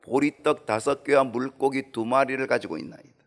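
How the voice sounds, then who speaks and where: A man preaching a Sunday sermon as pastor, with animated delivery that swings from loud to hushed. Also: mid-range voice, a little fast, gravelly. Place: church sanctuary.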